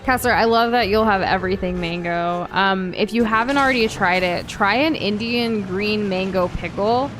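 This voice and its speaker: A woman's voice: medium pitch, moderate pace, few pauses, fairly bright tone. Young woman chatting on a game stream, lots of likes and ums, faint hum behind her. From United States. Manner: chatty, many fillers and restarts, candid. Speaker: streamer co-host. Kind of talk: casual gameplay chat reading viewer comments.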